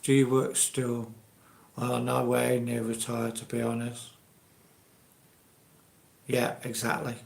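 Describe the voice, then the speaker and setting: A man's voice: mid-range voice, gravelly, darkish tone. A man in his sixties with an English accent, chatting casually and ramblingly as he hosts a live stream. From England. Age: 60s. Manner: rambling, conversational. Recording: roomy, echoey live stream.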